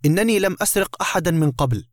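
A man's voice: sits high, expressive, racing, no room sound, studio quality. A man reading a story aloud, voicing a self-important academic writer who grovels and begs before a burglar. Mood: pompous. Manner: pompous, then pleading. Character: pompous male academic writer, frightened.

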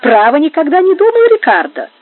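Lady reader doing a goofy naive young guy all thrilled with himself, voice pitched up, tinny phone sound. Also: very animated, fairly quick. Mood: gleeful. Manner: naive, gleeful chatter. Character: simple-minded, delighted young man newly made a nobleman.

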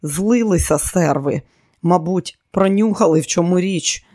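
A man's voice: high-pitched, measured pace, a little mellow, no echo, studio quality. A man voicing an apologetic hired man who is excusing a failure.

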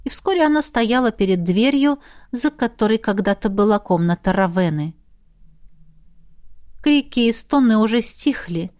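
A woman's voice: on the high side, expressive, normal speed, darkish tone. Woman narrating a fantasy audiobook. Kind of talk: scripted narration.

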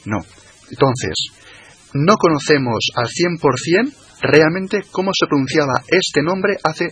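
A man, a guest on a radio talk show, explaining slowly and carefully, repeating and spelling out words. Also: a little high, fairly bright tone, husky. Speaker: guest expert on religion.

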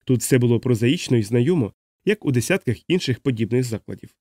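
A man's voice: medium pitch, animated, fast, mellow, no echo. Man narrating an audiobook, dry sound. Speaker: audiobook reader. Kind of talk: first-person audiobook narration.

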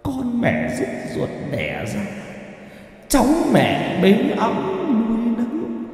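A man voicing the ghost of an old mother who wails and pleads in a slow, drawn-out, eerie way. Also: extremely high pitch, huge pitch swings, a little mellow, pitched above the performer's own voice, exaggerated voice. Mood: pleading. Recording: long reverb, faint music behind.

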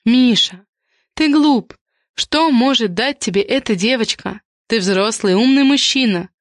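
Audiobook wife read by a woman: mocking, cool, a notch higher than the narration. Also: measured pace, dry recording, clean studio sound, natural voice. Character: sharp sarcastic wife, adult woman. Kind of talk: audiobook character reading.

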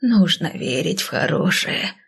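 A woman voicing an old nanny who grumbles but is tender with her charge, speaking low and hushed. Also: steady tone, takes it slowly, gravelly, husky, exaggerated voice. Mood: tearful.

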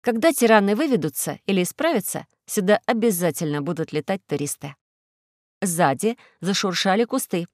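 A woman narrating a children's adventure audiobook. Her reading is steady and clear, in a middle-pitched voice. The studio sound is dry, with no room echo. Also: moderate pace.

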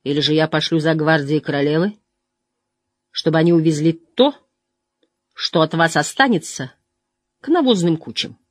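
A reader voicing a stubborn, protective male innkeeper who speaks quietly and firmly in an audiobook reading. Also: mid-range voice, moderate pace, long pauses, no room sound, studio quality, natural voice. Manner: quiet and firm, gruff.

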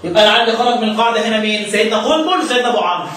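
A man's voice: sits high, animated, racing, fairly bright tone. A man with an Egyptian Arabic accent teaching a recitation lesson, quizzing students and chanting verses. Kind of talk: classroom lesson on recitation rules. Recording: echoey room, heard from a distance, faint noise.

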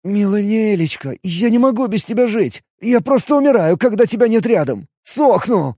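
A man's voice: on the high side, expressive, brisk, dark tone, breathy edge, no echo, clean studio sound, pitched above the performer's own voice. A man voicing a hot-headed, lovesick human paladin in an audiobook, blustering and pleading.

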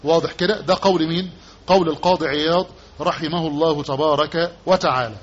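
A man's voice: fairly high pitch, fairly even intonation, a little fast. A man with an Egyptian Arabic accent giving a religious lesson as a sheikh, repeating key words and quizzing his listeners with rhetorical questions. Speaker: sheikh teaching hadith commentary. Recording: dull lo-fi lesson recording with faint background noise.

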